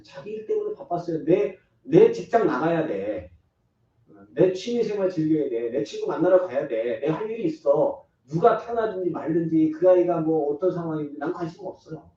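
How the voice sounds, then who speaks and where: A man's voice: high voice, warm tone. A male pastor giving an earnest, emphatic sermon, acting out little quoted exchanges as he goes. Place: church sanctuary. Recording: echoey church hall from far off, dull sound.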